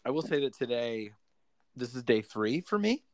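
A man's voice: medium pitch, very animated, moderate pace, dry recording. A young man chatting casually from his bedroom at home, rambling, swearing freely and laughing often. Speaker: musician guest. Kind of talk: casual podcast chat.

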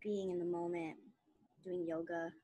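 A woman's voice: lowish voice, little pitch movement, unhurried, warm tone, dry recording. A woman in her thirties chatting casually on a podcast, telling stories in a bubbly way and laughing often. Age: 30s. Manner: giggly, bubbly storyteller who laughs often. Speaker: podcast co-host. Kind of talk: casual chat.

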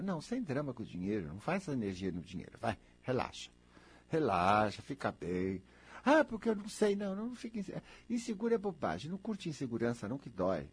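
A man giving self-help advice in a lively, conversational way, acting out little imagined exchanges. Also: mid-range voice, breathy edge. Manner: animated, acts out imagined people in quick asides.

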